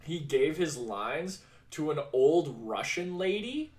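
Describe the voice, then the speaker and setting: Slow-talking man telling movie trivia. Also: a little high, sing-song. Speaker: podcast guest. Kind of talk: casual movie chat.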